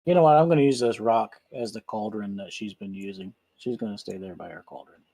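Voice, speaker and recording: A man running a tabletop game as game master, thinking aloud in an unhurried way with pauses. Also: lowish voice, creaky, warm tone, no room sound.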